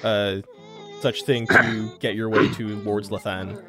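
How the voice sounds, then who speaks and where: A man running a tabletop game as game master, talking in a halting way with many pauses and restarts. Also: fairly low pitch, flat delivery, over loud music. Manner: halting, lots of ums and restarts.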